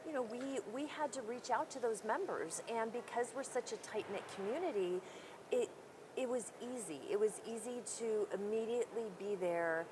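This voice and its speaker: With a slightly high voice at a moderate pace, a small credit union's CEO chats as an interview guest at a conference. She pokes fun at herself and fills her speech with fillers, while the busy hall makes the recording noisy.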